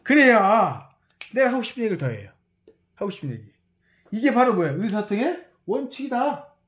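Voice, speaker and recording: Professor, lecture delivery, lively pitch, repeats terms, peppers with rhetorical checks. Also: moderate pace. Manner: repeats key words, quizzes listeners with rhetorical questions and a checking "예?"; explains while drawing and writing on screen. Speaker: university professor. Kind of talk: recorded university lecture.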